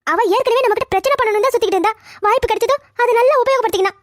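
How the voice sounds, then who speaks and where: A woman voicing a quarrelsome, defensive middle-aged mother in a cartoon family drama, talking fast and pleading. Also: dry recording, studio quality. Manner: rapid, shrill, pleading and quarrelsome.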